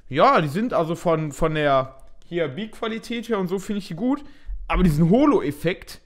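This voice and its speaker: A man's voice: sits high, lively intonation, moderate pace. A young man hosting an unboxing video, chatting casually and thinking aloud with a mildly self-mocking tone.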